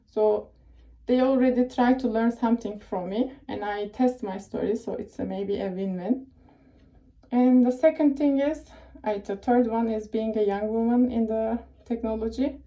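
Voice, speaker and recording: Here a young tech professional from Turkey, speaking with a Turkish accent, offers loose career tips, chatting on with fillers and corrections to herself. She sounds warm and steady, her pitch on the high side, at a moderate pace, though the recording is rough.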